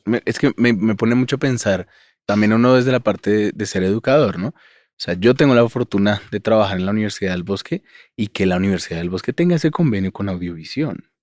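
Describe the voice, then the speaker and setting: A man hosting a podcast, thinking out loud in a somewhat low voice. He talks in loose, rambling stretches full of asides. The sound is dry and close to the mic. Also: brisk, no room sound. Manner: thoughtful, rambling, circles back with asides. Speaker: podcast host and university educator. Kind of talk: podcast interview.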